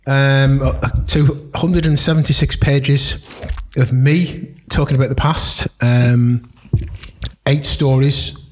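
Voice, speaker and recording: A man's voice: mid-range voice, fairly even intonation, slow pace, a little mellow, slight background noise. A man guesting on a radio show, rambling and easily distracted, laughing often and chatting while he eats. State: talking while eating. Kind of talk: casual radio chat.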